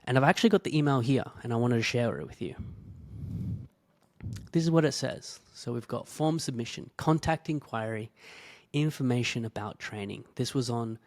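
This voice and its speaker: A man's voice: mid-range voice, moderate pace, no echo. A man, a fitness business owner, telling a personal story in a candid, emotional way, swearing freely and dropping almost to a whisper at the hurtful parts.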